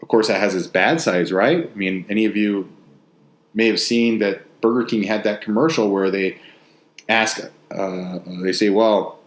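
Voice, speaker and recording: A man speaks in a fairly low voice with a West Texas twang. His delivery is casual and rambling, like someone chatting through anecdotes with a self-deprecating touch. The room adds a clear echo around his words. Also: steady tone, moderate pace. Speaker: novelist and host. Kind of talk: casual, rambling spoken monologue. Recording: roomy, echoey sound.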